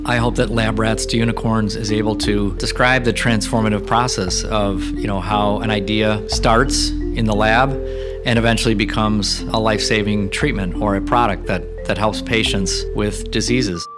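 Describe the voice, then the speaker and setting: A man's voice: lowish voice, steady tone, moderate pace, over loud music. A man hosting a podcast interview, introducing his guest with enthusiasm and the odd filler. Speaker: podcast host.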